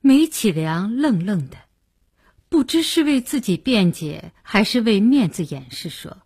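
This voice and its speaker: Breathy, husky woman storyteller. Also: medium pitch, big pitch swings, a little slow, a little mellow. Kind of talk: scripted radio story narration.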